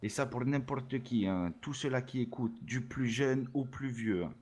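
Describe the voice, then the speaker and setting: A man's voice: medium pitch, unhurried, darkish tone, close to an everyday voice. A man playing a swaggering Salvadoran rap label boss in a role-play interview, boastful and sprinkling Spanish words into his talk. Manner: boastful, peppers speech with Spanish words and 'hein'.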